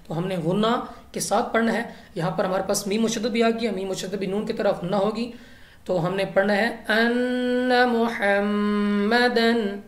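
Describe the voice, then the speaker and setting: A woman teaching Quran recitation rules in a patient, step-by-step way. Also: mid-range voice. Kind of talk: recitation lesson. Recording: echoey room.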